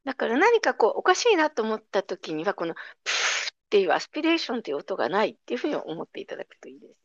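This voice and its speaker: A woman's voice: mid-range voice, very fast, no room sound. Middle-aged woman explaining pronunciation, voice jumps up and down a lot, dull dry lo-fi sound. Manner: patient, explanatory, lively intonation. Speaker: language teacher. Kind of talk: explaining pronunciation in a casual conversation.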